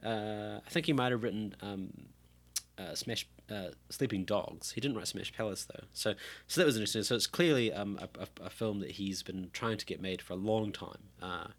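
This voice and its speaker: A man's voice: lowish voice, moderate pace. A man co-hosting a casual film podcast, rambling through tangents and laughing often. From New Zealand. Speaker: podcast co-host.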